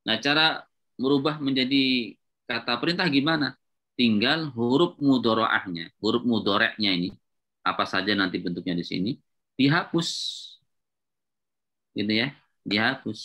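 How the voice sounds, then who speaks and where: Bright-toned male Arabic grammar teacher. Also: medium pitch, normal speed, pauses often. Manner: patient, repetitive, checks with students often. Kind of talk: classroom lecture at a whiteboard.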